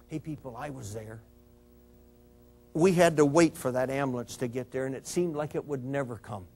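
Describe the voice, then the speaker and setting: A police officer giving an emotional talk to an audience, telling a story with repeated restarts and direct appeals to "people". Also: male voice, mid-range voice, normal speed, a little mellow.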